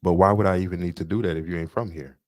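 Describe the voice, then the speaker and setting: Deep-voiced lecturing man, emphatic. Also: fairly even intonation, very fast, no echo, clean studio sound. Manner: emphatic, lecturing, repeats points. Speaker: podcast co-host. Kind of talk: casual political talk.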